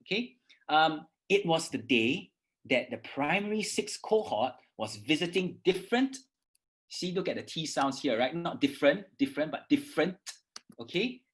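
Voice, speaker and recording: A Singaporean English oral exam teacher leads a reading-aloud lesson with read-aloud demonstrations, enunciating words deliberately and emphatically. Her instructive delivery sits at a medium pitch with big pitch swings, and she often checks in with the listener using "okay" and "right".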